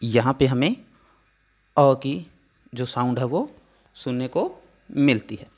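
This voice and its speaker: A man teaching pronunciation in a measured, unhurried way, explaining each sound patiently step by step. His pitch sits at an ordinary middle for a man. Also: darkish tone. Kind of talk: phonetics lesson.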